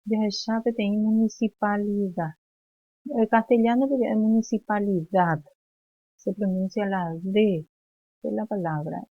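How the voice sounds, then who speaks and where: A woman teaching young children, slowly saying words and phrases for them to repeat back. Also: medium pitch, fairly even intonation, no echo, muffled recording. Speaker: preschool teacher. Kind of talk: remote language lesson for young children.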